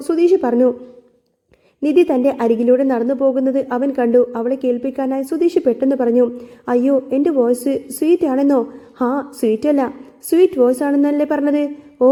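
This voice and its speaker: A woman's voice: sits high, dark tone. A woman retelling a TV serial episode as a story, reading every character's lines in her own voice. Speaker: narrator.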